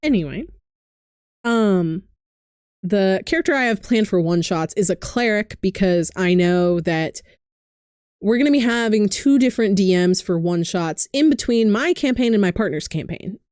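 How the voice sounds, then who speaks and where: Smooth-voiced woman chatting, dry close sound. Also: medium pitch, lively intonation, normal speed, darkish tone, dry recording. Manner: rambling, self-correcting, laughs often. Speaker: vlogger. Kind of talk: casual chatty monologue.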